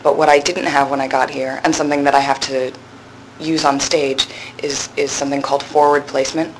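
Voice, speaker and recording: A drama graduate student in her twenties answers interview questions reflectively, pausing often and restarting with many fillers. Her low voice has strong body resonance and little pitch movement. The recording is low quality, with slight background noise.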